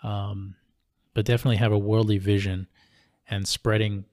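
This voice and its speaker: A man's voice: on the low side, little pitch movement, moderate pace, darkish tone, no room sound, clean studio sound. A man from Hawaii with a Hawaiian accent, an easygoing podcast host and teacher. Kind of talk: casual podcast chat.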